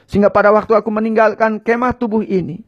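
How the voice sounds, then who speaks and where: A man's voice: sits high, steady tone, quick pace, lo-fi sound. A man preaching and leading viewers in a fervent prayer, giving short lines for them to repeat. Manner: speaks in tongues.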